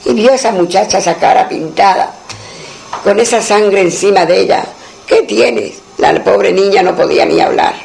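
A man's voice: high voice, fairly even intonation, moderate pace, vocal fry, darkish tone, slight background noise, rough recording. A man telling a traditional folk tale in a rambling way, full of asides and restarts. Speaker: storyteller.

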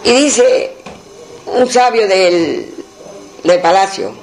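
A man's voice: high voice, lively intonation, extremely slow, poor audio. A man telling a folk tale aloud in a plain, repetitive storytelling manner, voicing the characters' lines himself.

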